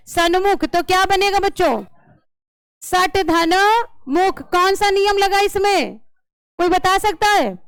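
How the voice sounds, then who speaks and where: Slow, high-voiced woman teacher. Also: fairly bright tone, no room sound. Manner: slow, drilling questions and answers. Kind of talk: classroom grammar lesson.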